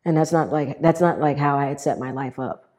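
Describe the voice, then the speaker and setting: Woman guest, mellow dark tone, hesitant personal testimonial full of fillers. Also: deep voice. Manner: halting, many fillers and restarts. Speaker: guest sharing her experience.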